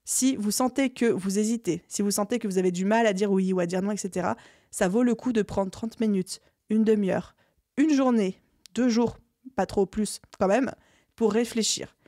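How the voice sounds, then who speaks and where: Young woman, podcast host, mellow voice, dry close sound, structured coaching delivery. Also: medium pitch, normal speed, no echo. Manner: clear, structured, coaching tone with lively emphasis. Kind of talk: solo podcast advice talk.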